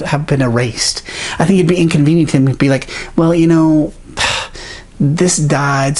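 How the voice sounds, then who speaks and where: A preacher giving a sermon, retelling a Bible story in an animated way with pauses. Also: mid-range voice, slightly rough.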